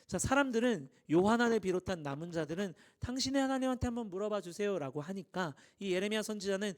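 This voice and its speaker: Animated man preaching to teens. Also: high voice. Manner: animated, acts out dialogues, asks the audience questions. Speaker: youth pastor. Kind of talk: lively youth sermon. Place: church hall.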